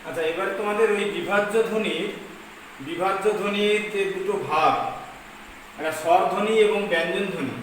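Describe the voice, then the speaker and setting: Woman teacher dictating in an echoey room. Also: mid-range voice. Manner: slow dictation, repeating phrases for note-taking. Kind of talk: dictating a class twelve grammar lesson. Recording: very echoey room, distant mic, faint noise.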